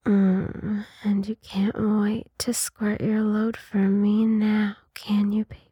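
A woman in an intimate adult ASMR role-play, speaking in a sultry, teasing, breathy way like a seductive narrator. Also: mid-range voice, monotone, takes it slowly, mellow, no echo, lo-fi sound. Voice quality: husky, breathy.

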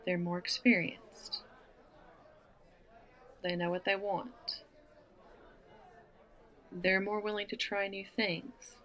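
She speaks slowly at a medium pitch, level and a bit bright, pausing often. The woman, from the American South with a matching accent, is flirting teasingly with a bar stranger and laughing a lot in a one-sided roleplay.

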